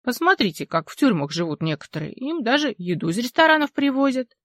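A woman's voice: a little high, sing-song, a little fast, fairly bright tone, dry recording, studio quality, voice pushed up. A woman voicing a worldly man who makes agreeable, offhand remarks.

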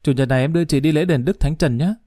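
A man voicing a jealous, hot-tempered wife, a schoolteacher, who is sharp-tongued and quick to flatter. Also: fairly high pitch, no room sound, clean studio sound, natural voice. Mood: fawning. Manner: sharp-tongued, then fawning.

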